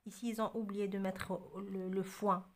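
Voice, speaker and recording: A woman with an Algerian accent tutoring a child at home, patiently repeating and spelling out words slowly. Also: mid-range voice, little pitch movement, slight background noise. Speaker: tutor reviewing a French textbook with a child. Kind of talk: home tutoring, French and Arabic mixed.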